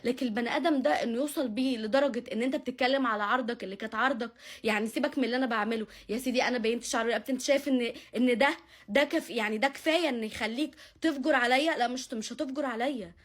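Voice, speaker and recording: A woman's voice: a little high, very fast. A young Egyptian woman speaking heatedly and indignantly to camera, often repeating her phrases. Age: young adult. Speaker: vlogger. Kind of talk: angry personal confession to camera.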